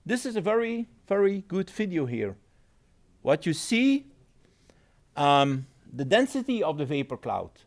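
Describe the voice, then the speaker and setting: A man with an other than giving a technical presentation at a conference. He pauses, repeats words and phrases things in his own way. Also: on the high side, big pitch swings. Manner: halting, repeats words, non-native phrasing. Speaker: conference speaker.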